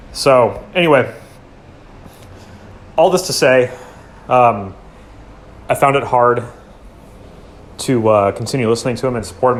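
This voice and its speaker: A man with a lowish voice delivers a casual, unscripted critique. He is blunt, swears now and then, and leans on fillers as he searches for words. A faint ambient hum sits under the recording. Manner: loose and conversational, many fillers and trailing off. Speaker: commentary channel host.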